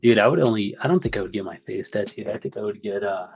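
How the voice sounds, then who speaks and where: A man's voice: fairly low pitch, quick pace, creaky, darkish tone. A young man in a casual chat, laid-back and saying "dude" a lot. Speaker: co-host, cousin.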